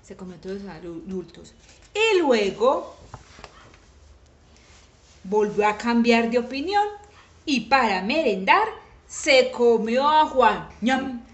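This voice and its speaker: Woman narrating a kids' tale: fairly high, lively voice with sudden shouted exclamations, in an echoey room. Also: measured pace. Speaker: storyteller. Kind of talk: reading a children's story aloud.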